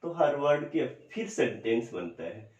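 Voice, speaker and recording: A man teaching English grammar in a slow, explanatory classroom lecture, mixing in English terms. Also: medium pitch, sing-song, darkish tone. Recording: echoey lo-fi room recording.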